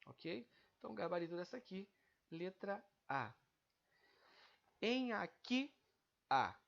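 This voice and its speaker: A man's voice: sits high, very animated, takes it slowly, creaky, a bit bright, dull audio. A male teacher giving a grammar lesson, explaining step by step and drawing out the example words he is breaking down.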